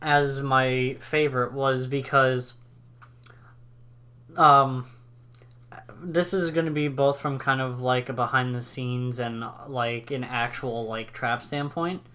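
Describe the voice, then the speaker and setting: Male podcast co-host, mid-pitched, rambling and enthusiastic, casual chat. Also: fairly even intonation, takes it slowly, sharp tone, clean tone. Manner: rambling, filler-heavy, enthusiastic. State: hiccups.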